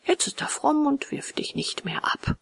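A woman's voice: moderate pace, dry recording, in a whisper, lightly acted. A woman doing a purring sly coachman. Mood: coaxing. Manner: soft, coaxing, purring. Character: fat sweet-talking little coachman, sly and cruel. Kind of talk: storybook narration.

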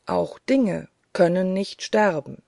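Otherworldly angel spirit for an audiobook, slow and commanding, dark gravelly tone, voiced by the narrating reader. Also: medium pitch, dry recording, studio quality. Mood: solemn. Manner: solemn, prophetic, commanding.

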